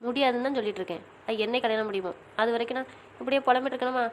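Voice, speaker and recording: A woman's voice: a little high, racing, slight background noise, lightly acted. A woman voicing a stubborn young college student who insists and pleads. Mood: insistent. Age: young adult. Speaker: voice actor. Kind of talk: audio drama acting.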